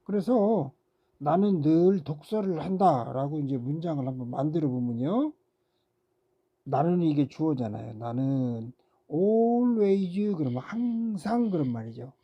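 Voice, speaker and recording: An English teacher giving a recorded grammar lecture, patiently repeating words, pausing on fillers and asking rhetorical questions. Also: mid-range voice, expressive, breathy edge, dull audio. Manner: frequent "ja" fillers between steps.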